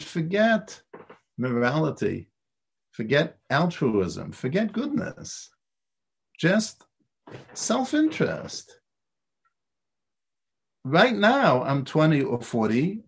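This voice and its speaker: A man's voice: on the high side, husky. A man teaching a Torah class, with lots of stammered restarts and rhetorical questions. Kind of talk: lecture on Pirkei Avot.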